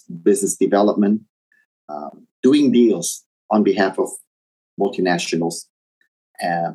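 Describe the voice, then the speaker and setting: A middle-aged man from Taiwan, raised in Indonesia, speaking as an interview guest in a measured, reflective way with some fillers. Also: lowish voice, dark tone, slightly rough, low-quality recording. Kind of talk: interview, personal background.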